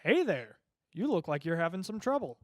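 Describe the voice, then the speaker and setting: Over background music, a man voices a cheerful, disembodied narrator in a parody instructional video. His voice is high with big pitch swings, and he teaches slowly, simply, and encouragingly, as though addressing a child.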